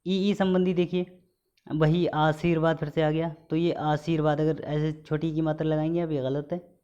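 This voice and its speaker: A man's voice: fairly high pitch, level tone, normal speed, dark tone, clean tone. A man teaching Hindi spelling for exam prep, calling out a wrong word and then the right one, over and over. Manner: reads word pairs, correct against wrong, with repeated stress. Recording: dull lo-fi recording.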